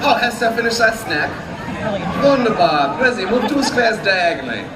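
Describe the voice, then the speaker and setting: A man's voice: high-pitched, big pitch swings, moderate pace, heavy background noise. A man playing a pompous German nobleman in theatrical Renaissance fair olde speech, projecting grandly and dropping in German phrases. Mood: pompous, questioning. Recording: roomy outdoor fairground, loud music and crowd. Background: loud crowd and music.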